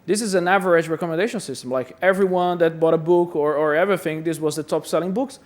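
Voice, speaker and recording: A man from Brazil talks fast in a fairly high-pitched voice during a conference presentation. He keeps the tone chatty and self-deprecating, repeating words often, and the setting is a conference hall.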